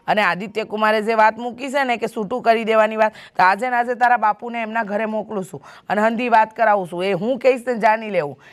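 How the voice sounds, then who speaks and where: A woman's voice: medium pitch, natural voice. A woman playing a mother who sternly lectures her headstrong daughter. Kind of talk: family drama acting.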